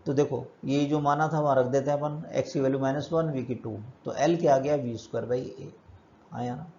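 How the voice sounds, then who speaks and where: Man, physics teacher, explains step by step, asks himself questions, mellow voice, muffled lo-fi recording. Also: medium pitch, fairly even intonation, moderate pace, slight background noise. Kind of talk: classroom lecture.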